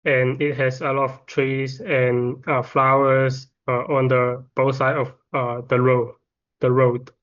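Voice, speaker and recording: A young Chinese man in his 20s gives mock exam answers as a test candidate, hesitating with many "uh" fillers and repeats. His medium-pitched voice is flat, slow and a bit bright, though the audio is dull.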